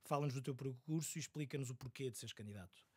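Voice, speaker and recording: A man's voice: mid-range voice, quick pace, a little mellow, slightly rough. A man hosting a podcast interview, asking questions and throwing in teasing jokes. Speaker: podcast host.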